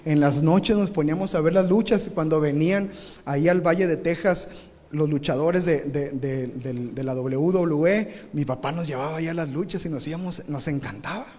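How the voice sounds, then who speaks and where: A man's voice: on the high side, moderate pace. A male pastor preaching live, telling a comic childhood story with acted-out voices and sound effects. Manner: animated, acts out scenes with shouted sound effects. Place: large church, live service. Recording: reverberant live church hall.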